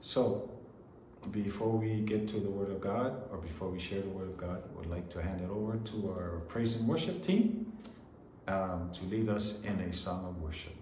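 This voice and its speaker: A Samoan pastor, whose first language is Samoan, gives an address and sermon during a bilingual online church service. His low male voice moves at a normal speed, and the recording has a roomy echo with faint background noise.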